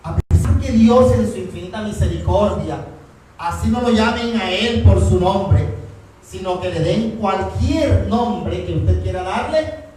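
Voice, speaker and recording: A man's voice: high voice, expressive, a little slow, darkish tone, slight background noise. A man preaching a sermon as a pastor, often asking his listeners rhetorical questions. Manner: asks the congregation rhetorical questions. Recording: echoey church hall from far off.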